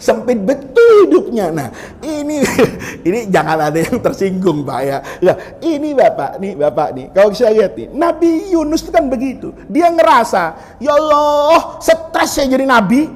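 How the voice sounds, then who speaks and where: Preacher, animated and joking, big reverberant mosque hall. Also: male voice, high-pitched, normal speed, few pauses. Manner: joking, storytelling, acts out quotes. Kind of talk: humorous mosque sermon.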